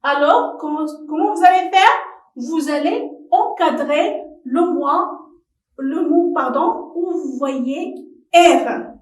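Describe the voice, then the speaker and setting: A woman teaches a primary school French lesson for television, addressing young pupils with deliberate care. She speaks very slowly with a fairly high voice. The sound is roomy, with her voice a little off the microphone. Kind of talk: slow televised classroom lesson. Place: classroom or studio for televised distance teaching. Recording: roomy echo, voice from a distance.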